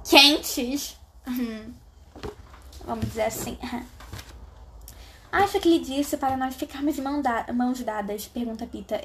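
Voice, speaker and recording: A woman's voice: sits high, darkish tone. A young woman casually reading a novel aloud, breaking off for sarcastic, slangy asides. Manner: sarcastic, slangy asides between read passages. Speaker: reader.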